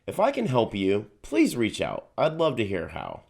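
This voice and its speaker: A man's voice: on the low side, huge pitch swings, moderate pace, gravelly, slightly rough. A man hosting a video, giving an earnest scripted introduction. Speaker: host.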